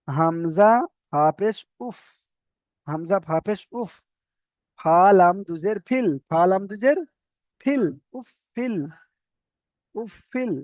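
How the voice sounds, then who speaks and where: High-voiced man spelling out a slow lesson. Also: a little mellow, no room sound, muffled recording. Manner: slow, drawn-out letter-by-letter spelling with repeated checks. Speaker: Quran reading teacher.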